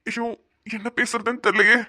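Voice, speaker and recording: A woman's voice: on the high side, level tone, moderate pace, sharp tone, no room sound, studio quality. A woman voicing a flustered man who is lost in an unfamiliar city and asks strangers for directions in a cartoon. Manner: flustered, pleading, stumbling.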